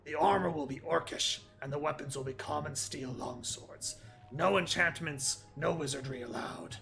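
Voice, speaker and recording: A man's voice: a little high, moderate pace, gravelly, sharp tone, faint music behind. A man voicing a blunt, stern male orc lord in a book read aloud during a game.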